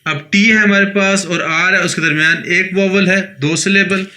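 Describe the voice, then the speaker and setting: This English grammar teacher, a man with a Pakistani Urdu accent, speaks at normal speed in a steady, high, bright and forceful voice. He patiently repeats ideas and checks whether his students are following along. The audio has echo and faint noise.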